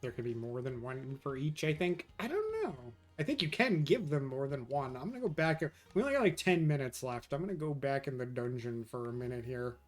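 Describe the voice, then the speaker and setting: A New York streamer chats loosely with his viewers while playing through a game, his voice at an ordinary middle pitch for a man. He talks in a sing-song way, fairly quickly and with few pauses, as faint game music plays quietly underneath.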